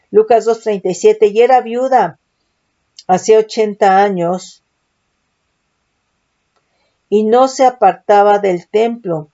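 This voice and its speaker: Female Bible teacher, mellow tone, dull recording, reads and explains verses. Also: lowish voice. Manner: reads scripture, adds frequent "¿verdad?" checks.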